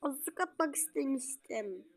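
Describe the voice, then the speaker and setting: A woman voicing a grumpy, sleepy father in a toy-game role-play, grumbling in a lowered voice. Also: lively intonation, measured pace. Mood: startled grumble.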